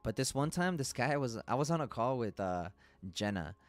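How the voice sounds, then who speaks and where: A man's voice: mid-range voice, big pitch swings, moderate pace, no echo. A man hosting a live trading stream, talking loosely and casually through chart analysis, swearing and laughing as he goes.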